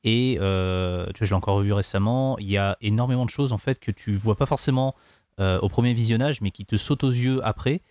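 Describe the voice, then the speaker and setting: A man's voice: lowish voice, fairly quick, darkish tone, no room sound. A man discussing films casually as a panelist, often searching for his words. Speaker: podcast panelist.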